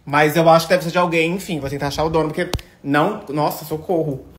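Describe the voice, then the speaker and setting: A young Brazilian man, chatting on casual phone stories and coaxing a pet in a sweet, expressive voice, indoors at home. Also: fairly high pitch, fast talker, a little hiss or hum. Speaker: influencer. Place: indoors at home, apartment rooms. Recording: echoey room.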